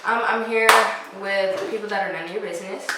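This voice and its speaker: A woman's voice: mid-range voice, steady tone, a little fast. Echoey, distant, playful teenage girl vlogger. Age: teens, high school senior. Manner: playful, slangy, teasing banter. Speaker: vlog host. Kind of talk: casual mukbang chat with relatives. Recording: echoey room, distant mic, clear background noise.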